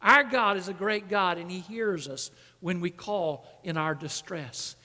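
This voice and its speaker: A man preaching a sermon in a church, building to emphatic peaks on his lists and dropping soft for his appeals. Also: sits high, unhurried, long reverb tail. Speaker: pastor.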